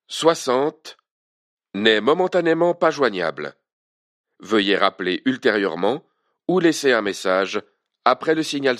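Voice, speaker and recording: A man giving a formal, measured answering machine greeting in a scripted voicemail announcement. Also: mid-range voice.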